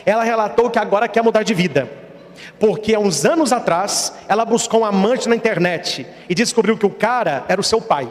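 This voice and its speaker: High-voiced priest preaching in a hall. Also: male voice, a little fast, a little hiss or hum. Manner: lively storytelling, acts out characters in stories. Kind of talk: sermon with anecdotes.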